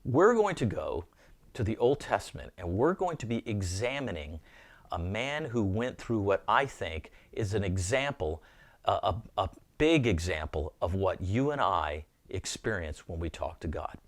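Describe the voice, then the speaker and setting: Low-ish guy giving an earnest bible talk, voice swings around a lot, says things twice. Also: sing-song, unhurried. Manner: earnest, repeats words while thinking aloud. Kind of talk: informal teaching to camera.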